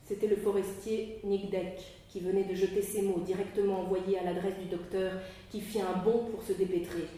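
A woman's voice: medium pitch, slight background noise. Woman reading a story in an echoey room. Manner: measured, expressive storytelling with a stumble. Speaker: audiobook reader. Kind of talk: reading a classic novel aloud. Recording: echoey room, mic far off.

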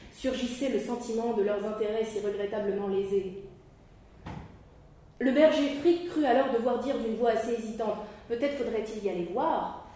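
A woman reading a classic novel aloud in a measured, expressive storytelling manner. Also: on the high side. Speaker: audiobook reader. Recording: echoey room, mic far off.

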